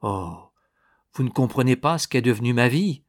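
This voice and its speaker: A man's voice: medium pitch, lively intonation, moderate pace, dry recording, studio quality, lightly acted. A man reading aloud, voicing an aging woman who pleads desperately and falters through tears. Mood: pleading. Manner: breathless, faltering pleas.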